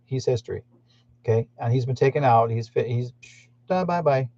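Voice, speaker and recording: A Canadian channel host rambles indignantly in a monologue aimed straight at his listeners. His mid-range voice is dark-toned and moderately paced, captured in a muffled, lo-fi recording.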